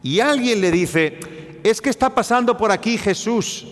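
A man's voice: high voice, normal speed, big-room sound. A man preaching a sermon to his congregation, acting out the cries of the people in the story. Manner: animated, acts out the cries of the story.

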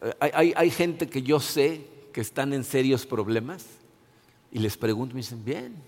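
A man's voice: mid-range voice, steady tone, moderate pace, a little mellow. A middle-aged male pastor, giving an earnest, conversational sermon full of restarts and repeated words. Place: church. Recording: long hall reverb.

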